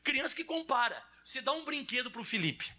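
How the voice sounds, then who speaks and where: A man in his thirties preaching as a pastor in church, lively and animated, acting out children's whiny voices. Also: very high voice, brisk. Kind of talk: sermon.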